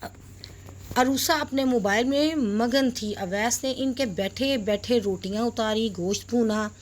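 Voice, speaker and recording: A woman reading a novel aloud, telling the story in a plain, steady way. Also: on the high side, a little slow. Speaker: story reader.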